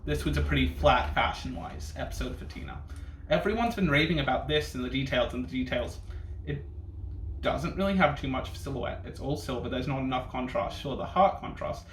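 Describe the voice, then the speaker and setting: A reviewer with a medium-pitched voice talks fairly quickly through casual reactions in the ranking video he hosts. His delivery is a sassy, bitchy drag-queen act, heavy on camp slang and swearing. The recording comes from an echoey room with faint noise.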